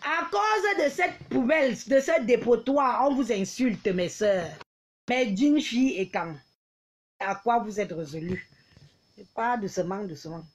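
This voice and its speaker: A woman's voice: fairly high pitch, lively intonation, a little slow. A woman, taunting and mocking her critics in a heated live-stream rant, often laughing. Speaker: livestreamer.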